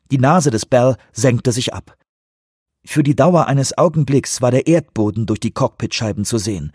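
A man narrates a thriller audiobook in a measured, tense manner, with a husky tone at a middle pitch. The booth recording is dry and close, with no room sound. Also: dark tone, dry recording. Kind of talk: scripted narration.

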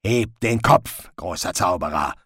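A man voicing a cruel, imperious lord who speaks slowly and with quiet menace. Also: low voice, husky, no echo, studio quality, pitched below the performer's own voice, heavily acted. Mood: menacing. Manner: slow, menacing, commanding.

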